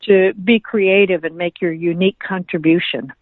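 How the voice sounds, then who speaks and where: A woman guest on a radio interview, explaining her ideas in a measured way. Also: fairly low pitch, steady tone, no echo. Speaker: guest author. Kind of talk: interview answers. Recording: tinny phone line.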